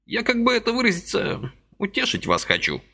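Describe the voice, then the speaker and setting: A man voicing a frail, fussy old man who pleads gently and apologetically in a high, fluttering voice. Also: huge pitch swings, fairly quick, breathy edge, heavily acted.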